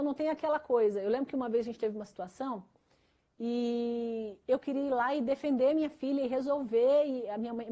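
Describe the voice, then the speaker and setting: Speaking in a church interview, this pastor gives her testimony, an earnest personal account full of fillers. She has a Brazilian Portuguese accent and a rather high voice with a darkish tone.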